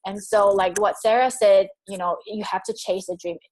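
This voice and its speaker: A Singaporean woman in her thirties, speaking with a Singaporean English accent, hosts an interview chat in an enthusiastic, chatty way, laughing often and restarting phrases. Her voice is mid-range at a moderate pace, and the audio quality is poor.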